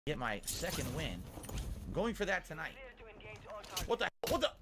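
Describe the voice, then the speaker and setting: A man giving excitable, profane commentary as he plays a video game, breaking into loud outbursts and laughter. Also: a little high, moderate pace, noisy background. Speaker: gameplay streamer. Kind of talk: swearing let's-play commentary.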